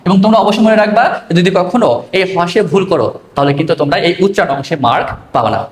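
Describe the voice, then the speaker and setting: Guy teaching pronunciation, high voice, asks then answers himself, roomy echo. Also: animated, fast talker. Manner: explains step by step, asks and answers own questions. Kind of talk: online pronunciation lesson.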